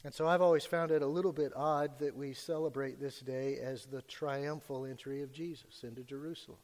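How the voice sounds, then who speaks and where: A man's voice: medium pitch, steady tone, a little fast, a little mellow. American male pastor at a pulpit microphone, reverberant hall. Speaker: pastor preaching to a congregation. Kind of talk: expository sermon. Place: large church hall.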